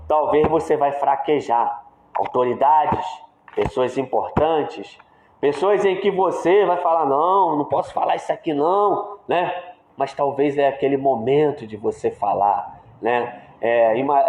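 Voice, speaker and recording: A man preaching a sermon at a prayer service with a Brazilian Portuguese accent, lively and questioning his congregation. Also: fairly high pitch, slight background noise. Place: church hall. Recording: echoey church room.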